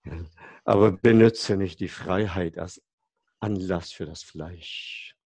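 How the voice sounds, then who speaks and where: A male preacher speaks in a lowish, creaky voice. He moves slowly and haltingly, searching for words and asking his listeners questions. The sound is dry and close. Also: warm tone, dry recording. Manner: halting, searching for German words, self-interrupting; asks listeners rhetorical questions. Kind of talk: conversational sermon to congregation.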